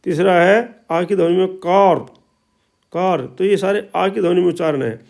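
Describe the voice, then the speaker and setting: A man teaching pronunciation, explaining slowly and repeating each sound many times. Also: high voice, vocal fry, a little mellow. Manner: slow, repetitive explaining with drawn-out sounds. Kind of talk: spoken language lesson.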